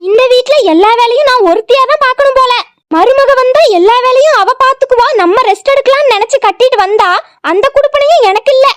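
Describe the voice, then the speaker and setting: A woman voicing a cheeky, sharp-tongued young daughter-in-law in a cartoon, with a southern Tamil Nadu accent and quick sassy retorts. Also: very high voice, a little hiss or hum. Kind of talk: cartoon voice acting.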